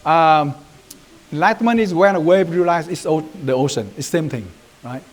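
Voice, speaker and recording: Vietnamese-accented man with a fairly high voice. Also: moderate pace. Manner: loose and conversational, mixing in Vietnamese phrases, frequent "right?" check-ins. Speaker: Buddhist youth leader teaching a workshop. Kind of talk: informal training lecture.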